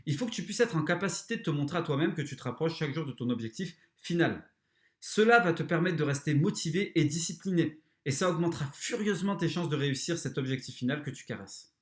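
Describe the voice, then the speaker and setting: A man's voice: on the high side, expressive, fast, echoey room. A man hosting a motivational self-help podcast, talking bluntly and crudely straight to the listener. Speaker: podcast host.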